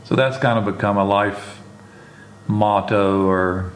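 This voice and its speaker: A man co-hosting a casual chat, talking in a relaxed, rambling way with many fillers and restarts. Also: on the low side, slow pace, slight background noise. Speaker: podcast co-host, former missionary. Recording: roomy echo, faint ambience.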